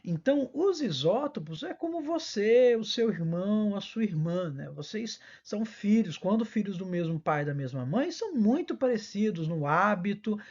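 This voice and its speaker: Female lecturer, mid-pitched, patient and didactic, self-correcting, slightly muffled recording. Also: very animated, normal speed, hardly any pauses, a little mellow. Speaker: university lecturer.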